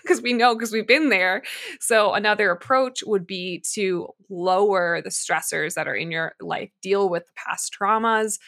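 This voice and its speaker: Earnest bright-voiced woman podcaster. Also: mid-range voice. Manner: earnest, addresses listeners directly. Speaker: podcast host. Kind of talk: casual podcast chat.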